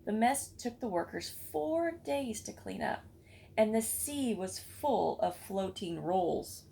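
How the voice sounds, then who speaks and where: A woman's voice: medium pitch, animated, takes it slowly, vocal fry, warm tone, a little hiss or hum. A woman reading a children's storybook aloud expressively, with chatty asides to listeners. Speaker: read-aloud book club reader.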